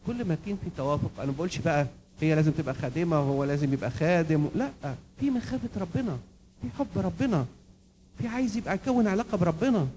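A man with an Egyptian accent delivers a church lecture at a brisk clip, in a voice that sits a little high. He keeps throwing questions to the audience and answering them himself. Faint noise is heard behind him. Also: dark tone, rough recording. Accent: Egyptian Arabic. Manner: quizzes the audience and answers his own questions. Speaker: church speaker.

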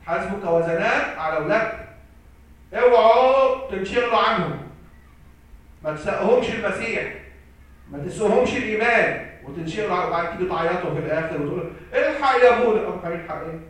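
A man's voice: sits high, quick pace, a bit bright. A man with an Egyptian accent preaching a sermon as a priest, emphatic, repeating key phrases and answering his own questions, recorded from a distance in an echoey hall. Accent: Egyptian Arabic.

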